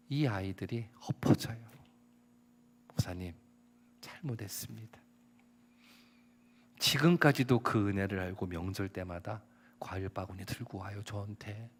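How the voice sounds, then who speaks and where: A middle-aged male pastor preaching a sermon, telling personal stories and acting out quoted dialogue, sometimes rising to a shout. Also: low voice, normal speed.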